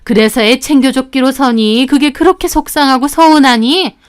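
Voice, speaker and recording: A woman voicing a blunt, scolding older mother-in-law in a told story, speaking with reproach and slow emphasis. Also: high voice, close to an everyday voice. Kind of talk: scripted storytelling.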